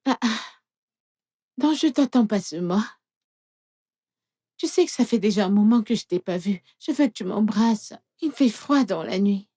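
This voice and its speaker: Film dub: sweet, clingy young woman, high and soft, slow and cooing. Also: lively intonation, slightly rough.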